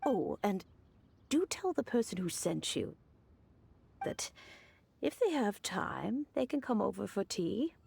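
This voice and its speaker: A woman voicing a kindly, humble old granny in a video game, with a creaky, husky old-hag delivery. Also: mid-range voice, big pitch swings, slow, pauses often, darkish tone, slight background noise, exaggerated voice.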